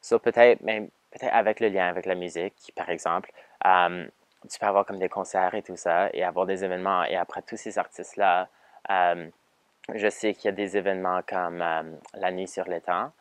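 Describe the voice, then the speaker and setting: Low-voiced Franco-Ontarian teen boy. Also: fairly even intonation, moderate pace, smooth, no room sound. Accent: Franco-Ontarian French. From Ontario, Canada. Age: teens. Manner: hesitant, many fillers, mixes in English words. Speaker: student songwriter. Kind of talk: casual interview answers.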